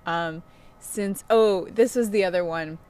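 On a wooden deck outdoors, a middle-aged woman who runs coaching sessions as a self-help vlogger talks candidly and personally to camera. Her voice is lowish and darkish, at a measured pace, with clear outdoor noise around her.

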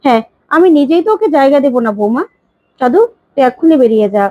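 Woman doing angry old grandmother, scolding, stern, high voice, dry dull sound. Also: expressive, fast, no room sound. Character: stern old grandmother, furious at her son.

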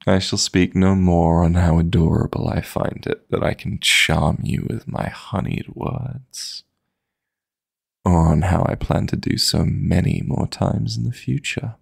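In intimate sleep-aid roleplay audio, a man gives a full character voice to a possessive, teasing dream demon lover. He coaxes softly and deliberately in a low-pitched, gravelly, breathy voice.

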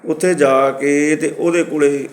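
A man's voice: on the high side, unhurried. A man preaching to a congregation, telling a story and acting out the people in it. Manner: lively storyteller acting out dialogue. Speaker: Sikh preacher. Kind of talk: storytelling sermon.

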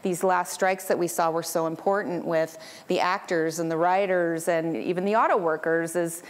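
A woman's voice: fairly low pitch, fairly even intonation, normal speed. A woman speaking as a union leader in a panel discussion at a conference, passionate and rallying, often tagging on rhetorical questions. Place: conference event room.

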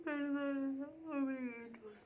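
Slow-talking young woman studying aloud. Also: high voice, steady tone, a little mellow, lo-fi sound, slight background noise. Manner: sounds out syllables slowly, musing aloud. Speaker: language learner streaming her study session. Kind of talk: casual live study session.

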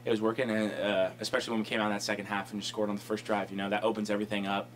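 At a post-game press conference indoors, a young college football lineman speaks into a table microphone, responding to reporters. His pitch is fairly low and level, the tone fairly bright, with slight background noise. Fast and rambling, he fills his speech with "you know" and "um."

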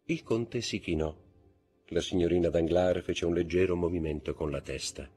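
Husky-voiced man narrating a classic novel. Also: low voice, normal speed, dark tone, faint music behind. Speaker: audiobook narrator. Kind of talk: scripted narration.

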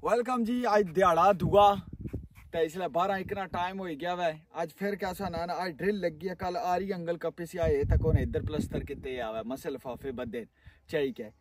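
A young man talks in a high, light voice, chatting directly to his viewers. He is outdoors by a dry lakeshore, recorded on a handheld camera. A faint hiss sits under his voice. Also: fairly quick. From Kashmir, Pakistan. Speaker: vlogger. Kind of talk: casual outdoor building vlog.

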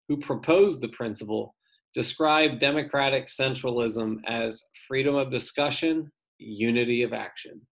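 A male teacher reading an article aloud to his students for an online lesson, steady and plain with brief casual asides. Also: medium pitch, gravelly.

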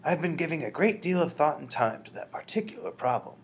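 A man voicing a calm, wise elderly grandmother who speaks in a measured, reassuring way. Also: on the high side, slight background noise, pitched above the performer's own voice.

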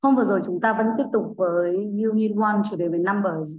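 A Vietnamese woman teaching an English review lesson to young children. She speaks with a Vietnamese accent, cheerfully encourages the children and slowly draws out model phrases for them to repeat. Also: medium pitch, a little mellow. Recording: echoey room.

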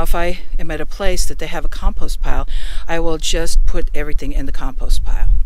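A middle-aged woman vlogging from her car, casually showing and explaining her gear in a chatty, practical way with frequent ums and restarts. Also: low voice. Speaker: van life vlogger. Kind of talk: casual show-and-tell demonstration. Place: inside a parked car.

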